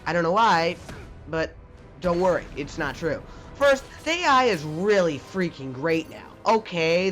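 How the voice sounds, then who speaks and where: A man's voice: sits high, a bit bright. A young man narrating a scripted video game review, enthusiastic and jokey with mild swearing. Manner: enthusiastic, jokey, mildly profane.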